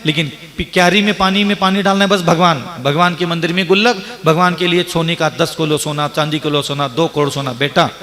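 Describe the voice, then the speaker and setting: A man delivers a sermon as a monk, his voice sitting on the higher side. He builds long repeated lists and breaks into the voices of the people he talks about. The sound rings with a long hall reverb. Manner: animated, acts out the voices of devotees and grain; repeats phrases in lists for emphasis. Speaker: Jain monk preacher.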